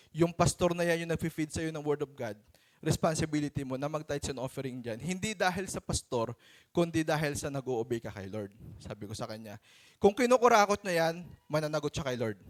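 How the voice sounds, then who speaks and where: A Filipino man preaching a sermon to his church in a conversational, animated way, acting out stories. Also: fairly high pitch.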